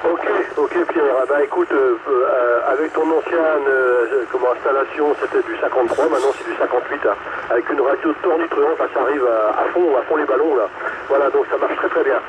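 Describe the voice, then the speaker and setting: A hobbyist man chats casually and hesitantly over two-way radio in an amateur radio exchange, often repeating his words. His medium-pitched voice is brisk, and the transmission sounds muffled with background noise.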